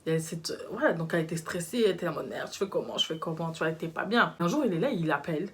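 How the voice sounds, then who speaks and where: A young adult woman telling a story in casual storytime style, slangy and animated, acting out the people she quotes. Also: lowish voice, racing.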